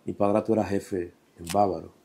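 A man's voice: fairly low pitch, flat delivery, brisk, gravelly, mellow, slight background noise. A young Dominican man telling his life story as a guest, rambling and slangy. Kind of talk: casual life-story interview.

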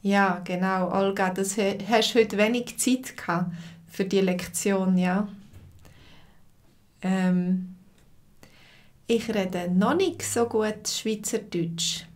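A woman with a Swiss German accent teaching a live online language lesson, speaking slowly and clearly and repeating phrases for learners. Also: mid-range voice, fairly even intonation.

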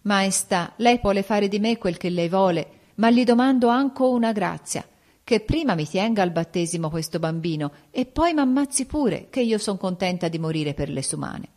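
A woman's voice: mid-range voice, animated, normal speed, darkish tone, voice pushed up, lightly acted. A woman reading the part of a humble young woman who pleads tearfully for mercy. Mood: pleading.

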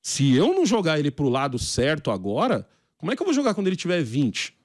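A man's voice: fairly high pitch, huge pitch swings, quick pace, no echo, clean studio sound. A man from Brazil, a podcast guest, telling slangy stories in casual chat and acting out the voices of people he quotes.

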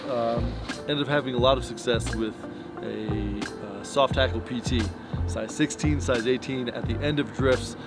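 A man's voice: medium pitch, steady tone, normal speed. A man in his thirties talking casually to camera outdoors in the snow, giving a fishing report with many fillers and restarts. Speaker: fly shop owner giving a fishing report. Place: outdoors by pickup trucks in snow. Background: music bed under the talk.

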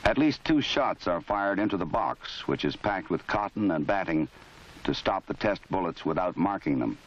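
With the muffled, lo-fi quality of a 1970s film soundtrack and a little hiss or hum, this recording features an American man with a low voice narrating an instructional film. His delivery is formal, measured and authoritative, matter-of-fact but animated.

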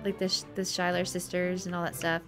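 A woman hosting a family-friendly gaming video, chatting casually, excitable and gushing with frequent laughter. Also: on the low side, a little fast, soft background music. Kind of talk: casual gameplay chat.

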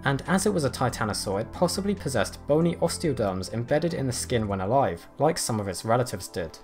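A man narrating a scripted nature documentary in a measured, explanatory way. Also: medium pitch, big pitch swings, a little mellow. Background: background music.

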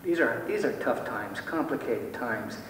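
A man preaching a sermon as pastor, posing many rhetorical questions and dropping to soft, quiet tones. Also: expressive, measured pace. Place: church sanctuary. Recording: echoey church hall, mic from far off, faint rumble.

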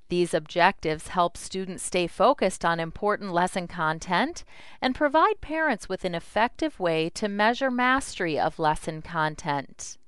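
Clear, smooth woman narrator. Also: mid-range voice, a bit bright, dry recording, clean studio sound. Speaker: product demo narrator. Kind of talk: scripted instructional narration.

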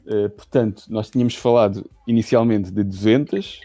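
A Portuguese co-host speaks over a video call in a low, warm voice with a dry, close sound. He explains things step by step. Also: fairly even intonation, moderate pace, no echo, faint music behind. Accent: European Portuguese. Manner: lays out a quiz step by step. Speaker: podcast co-host. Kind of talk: casual chat.

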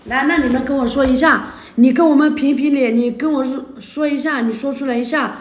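A woman's voice: sits high, steady tone, brisk. A woman livestreaming at night, arguing indignantly, scolding and repeating herself. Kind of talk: heated argument on a livestream. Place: indoor room at night. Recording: echoey room.

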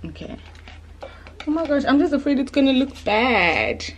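A vlogger chats informally to camera and thinks aloud as she moves between her bedroom and bathroom at home. Her voice sits high and is very animated at a normal speed, with a little hiss or hum in the recording.

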